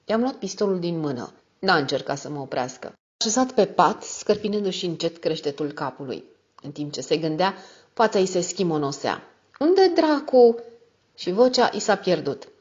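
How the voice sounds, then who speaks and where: Woman narrator, audiobook reading, low-pitched, muffled lo-fi recording. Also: lively intonation. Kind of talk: scripted narration. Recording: dull lo-fi audio.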